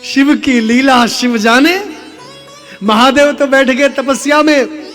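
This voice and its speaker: A man preaching a devotional sermon with fervour, rising to loud exhortation and acting out quoted figures from scripture. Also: extremely high pitch, slow pace, faint music behind. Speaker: religious preacher.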